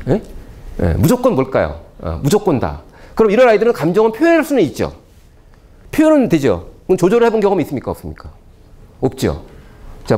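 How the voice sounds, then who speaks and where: A man giving a lecture to parents, constantly firing rhetorical questions at the audience. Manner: animated, swooping pitch.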